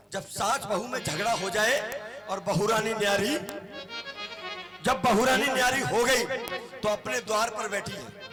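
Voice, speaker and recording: A man on stage as a singer and comic host, joking playfully with the audience at a devotional night, over loud live music. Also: high voice. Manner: playful, teasing, addresses the crowd as devotees. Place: outdoor stage at a village event.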